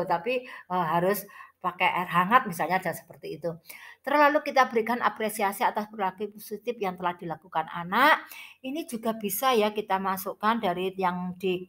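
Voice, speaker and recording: A woman's voice: medium pitch, a bit bright. A woman with a Javanese accent gives an informal, chatty tutorial for teachers, her speech slightly muddled by a toothache. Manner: chatty, explanatory, addressing listeners directly. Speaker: early childhood teacher giving an online tutorial. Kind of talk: informal instructional explanation for teachers.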